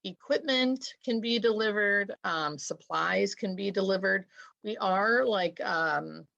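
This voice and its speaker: A woman's voice: mid-range voice, takes it slowly, vocal fry, fairly bright tone, lo-fi sound. An American woman talking as a hospice nurse, explaining things casually in conversation.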